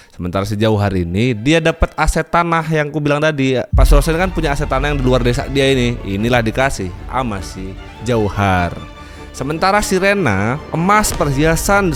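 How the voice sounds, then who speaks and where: Male host telling a story, rapid conversational delivery with lots of asides, soft music bed. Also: medium pitch. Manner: chatty, with many fillers and asides. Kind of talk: casual horror story narration.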